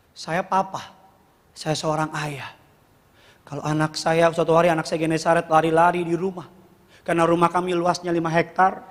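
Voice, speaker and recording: A man preaching a sermon as pastor, animated and rising to emphatic high peaks. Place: church hall. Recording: echoey church hall with long reverb.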